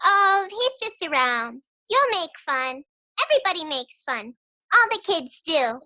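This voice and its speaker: A woman playing an excited, impatient, secretive little girl in an audio drama. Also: extremely high pitch, unhurried, full character voice. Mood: earnest, secretive.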